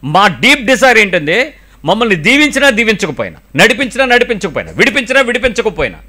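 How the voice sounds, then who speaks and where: A middle-aged male pastor preaching a sermon, animated and full of rhetorical questions, now and then slipping in English phrases. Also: high-pitched, quick pace.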